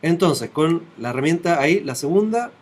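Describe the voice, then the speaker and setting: Higher-voiced man teaching a class. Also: animated, normal speed, slight background noise. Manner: talks step by step, checking in with students. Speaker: web design teacher. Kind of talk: classroom software tutorial.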